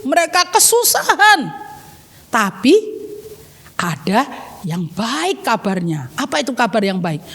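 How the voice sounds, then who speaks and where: High-pitched woman teaching a children's lesson. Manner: animated, acts out little scenes for children. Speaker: Sunday school teacher.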